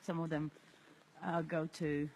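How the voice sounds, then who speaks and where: Soft-spoken livestream host outdoors. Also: male voice, fairly high pitch, flat delivery, a little slow. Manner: soft-spoken, reflective, laughs often. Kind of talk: casual livestream vlog. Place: outdoors in an abandoned area.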